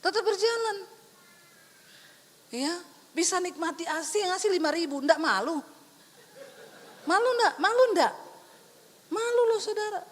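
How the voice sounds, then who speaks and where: High-pitched middle-aged woman pastor, animated and teasing, preaching in a reverberant church hall. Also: normal speed, long pauses. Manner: animated, teasing, acts out quoted people. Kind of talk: sermon.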